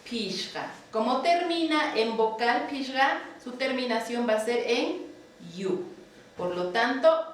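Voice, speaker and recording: A woman teaching a language lesson, drilling numbers slowly and patiently and checking in with her students. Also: high-pitched. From Bolivia. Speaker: Quechua teacher. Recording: roomy, echoey, distant from the mic with faint ambient noise.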